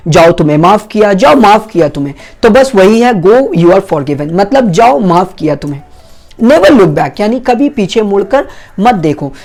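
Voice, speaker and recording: A woman teaching short English phrases, repeating each one slowly with its meaning. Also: mid-range voice, darkish tone. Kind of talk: spoken English lesson.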